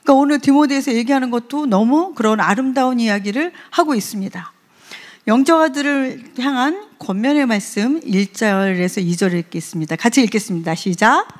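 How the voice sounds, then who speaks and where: A woman's voice: on the high side, fairly quick. A woman preaching a sermon in a conversational way, often putting questions to the congregation.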